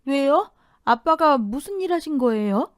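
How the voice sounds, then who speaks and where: A teenage girl, tearful yet defiant, acted by a woman in an audio drama. Her voice rides high with lively swings, recorded dry and close. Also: a little slow, no echo. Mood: shocked. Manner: pleading, defiant. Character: teenage granddaughter, outspoken and tearful.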